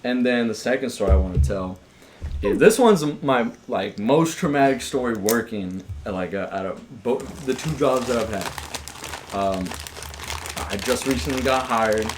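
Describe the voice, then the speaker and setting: On a podcast with friends, a young male co-host casually spins long work stories at a moderate pace, his medium-pitched voice lively in intonation. He rambles and swears, restarting often and using lots of fillers, over a slight hiss or hum.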